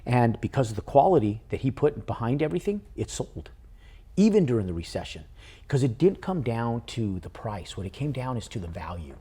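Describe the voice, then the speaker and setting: A man in an interview who tells his story casually, animated and with casual swearing. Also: mid-range voice, a little fast, breathy edge. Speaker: podcast guest, real estate investor.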